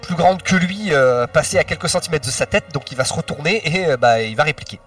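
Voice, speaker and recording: A man narrating as game master of a tabletop game, relaxed and quick to laugh. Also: on the high side. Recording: distant mic, dry, faint music.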